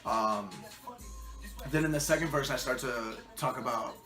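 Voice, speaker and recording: A rapper talking casually about the ideas behind his songs, pausing often with ums and restarting thoughts. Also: medium pitch, roomy sound, music in the background. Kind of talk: casual spoken track commentary.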